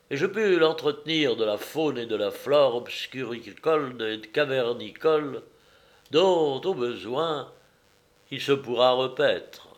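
Brief: male narrator, unhurried, mid-pitched, careful literary audiobook delivery. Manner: measured, precise storytelling. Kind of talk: audiobook reading of a novel.

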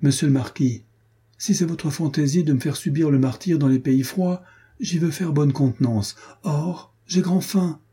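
A man's voice: a little high, moderate pace, dark tone, slightly rough, pitched above the performer's own voice. Man doing a sighing, grumbling squire. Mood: plaintive. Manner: plaintive, sighing.

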